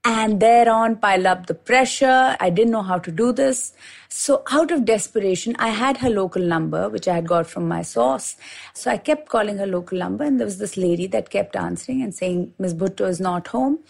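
A middle-aged woman from India, a journalist hosting a podcast, recounting a personal story with lively quoted dialogue. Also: mid-range voice, moderate pace, creaky. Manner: animated retelling with quoted dialogue.

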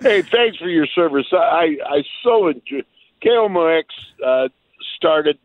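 A man in his seventies calling in to a radio show, chatty and halting as he asks his questions. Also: fairly high pitch, animated, no echo. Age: 70s. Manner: chatty, halting, warm-spirited. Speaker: caller. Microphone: telephone. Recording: tinny phone line.

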